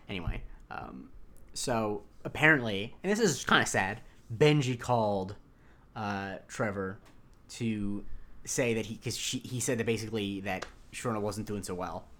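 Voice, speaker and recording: A man's voice: fairly low pitch, moderate pace, a bit bright. A man co-hosting a podcast, recapping an episode in rambling casual chat. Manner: rambling, many fillers and restarts. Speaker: podcast co-host.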